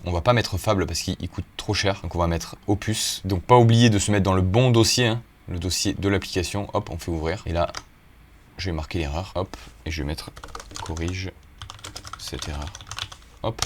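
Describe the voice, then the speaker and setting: A young man casually talking viewers through a screen-recorded tutorial, chatty and quick, with lots of fillers. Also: low voice. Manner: quick, chatty, many fillers like euh and hop. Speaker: tech tutorial creator.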